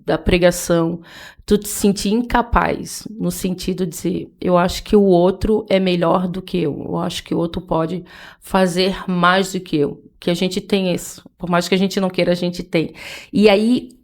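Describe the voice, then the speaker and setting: A woman's voice: fairly low pitch, steady tone, moderate pace. A woman host, asking reflective questions in a casual faith interview and often checking in with "né". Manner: reflective, probing questions with frequent "né". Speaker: podcast host.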